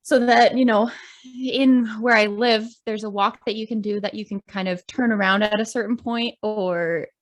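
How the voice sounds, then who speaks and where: A young woman from Canada telling a story in casual chat, animated, acting out what people said and laughing often. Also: mid-range voice, moderate pace. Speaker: podcast guest.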